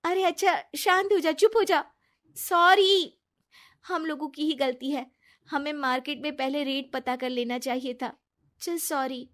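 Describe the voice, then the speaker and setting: A trusting young wife who means well and reassures everyone, as a woman voices her for a cartoon story. Her voice is fairly high. She speaks earnestly and plainly. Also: unhurried, fairly bright tone. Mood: soothing. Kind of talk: animated storybook dialogue.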